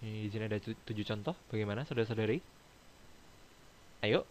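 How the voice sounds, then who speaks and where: A man teaching an English grammar class in a relaxed lecture. He walks through each point plainly, slipping English phrases into his explanations and acting out little example exchanges. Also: on the low side, fast talker, a little hiss or hum. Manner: explains with acted example dialogues, mixes English into Indonesian.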